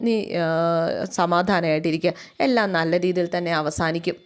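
A woman's voice: on the low side, moderate pace, close to an everyday voice. A woman voicing a kind older sister-in-law who comforts and reassures. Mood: consoling. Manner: soothing, reassuring.

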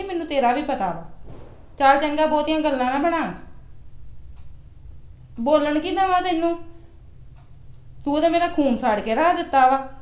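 A woman acting a sharp-tongued older mother-in-law in a family skit, scolding and nagging. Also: high voice, roomy sound, slight background noise, close to an everyday voice. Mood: complaining. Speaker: actor in a family comedy skit.

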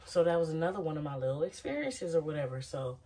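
A thirties vlogger chats casually to her phone camera, propped on the counter of her small home kitchen, while she cooks. Her low, mellow voice is very animated and quick, and her talk rambles in a loose, reflective way. The mic sounds distant.

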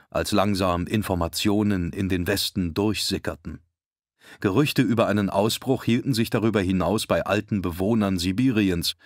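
Hörbuchsprecher, männlich, sehr tiefe Stimme, gemessener dokumentarischer Vortrag. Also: male voice, sits low, no echo, clean studio sound. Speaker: audiobook narrator. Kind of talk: scripted documentary-style narration.

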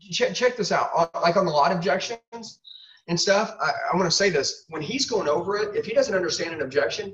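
Here a man's fairly high, slightly bright voice takes the role of sales trainer and host, driving home punchy, emphatic motivational coaching through repetition. It's recorded on a distant microphone with a dull, lo-fi quality.

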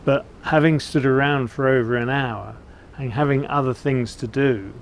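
A man's voice: mid-range voice, fairly even intonation, moderate pace. An older man with an English accent, chatting casually and plainly to camera as he hosts a vlog about his trip. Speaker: vlog host. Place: outdoors, seated beside a narrowboat. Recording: clear outdoor ambient noise.

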